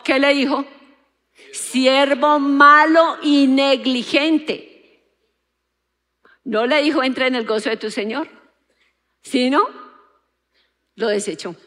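Woman preacher, fairly high voice, animated sermon with acted-out quotes. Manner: animated, acts out quotes, asks the audience questions. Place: auditorium.

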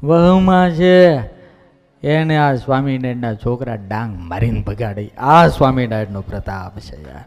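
A male monk giving a devotional storytelling sermon, lively and folksy, acting out the characters' voices. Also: mid-range voice, normal speed, hardly any pauses, soft background music. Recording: dull lo-fi recording.

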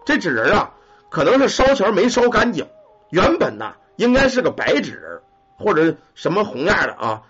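A man telling a ghost story in a colloquial, animated way. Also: sits high, fairly quick, a crowd in the background. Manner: colloquial, animated, swears casually. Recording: muffled lo-fi recording.

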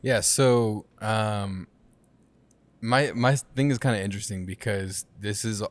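Casual man with a low voice. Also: measured pace, no room sound. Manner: casual, says "bro", hesitant fillers. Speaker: guest. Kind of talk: casual podcast chat.

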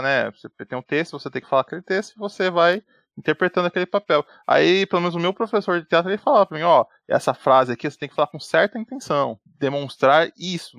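A man's voice: on the high side, vocal fry, no echo, clean studio sound. A man co-hosting a podcast in casual chat, rambling with many fillers and restarts and acting out quoted dialogue. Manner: rambling, peppers speech with "né" and "tipo", restarts often; animated, acts out quoted dialogue. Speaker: podcast co-host.

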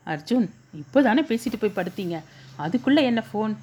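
A woman voicing a shy, sweet young bride-to-be who pleads softly, in a storybook reading. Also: fairly high pitch, expressive, a little fast, husky.

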